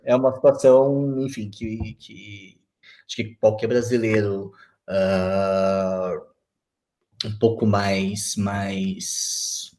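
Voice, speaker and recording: A man's voice: lowish voice, flat delivery, slow pace, dark tone. A Brazilian man in his forties, a guest on a video-call interview, talking reflectively with many fillers and restarts. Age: 40s.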